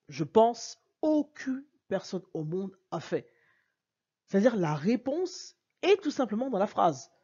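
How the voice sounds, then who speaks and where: A man's voice: high voice, a little mellow, slightly rough, muffled recording. A man giving an emphatic explanatory lecture over slides, repeating himself and urging the listener to look. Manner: emphatic, repeats "regardez" and "bien sûr". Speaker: video lecturer on word origins.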